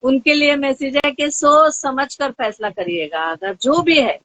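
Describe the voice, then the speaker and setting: A woman's voice: high-pitched, measured pace, a bit bright, no room sound. A woman guest in a casual chat, agreeing emphatically and repeating her affirmations. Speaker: guest, fraud victim.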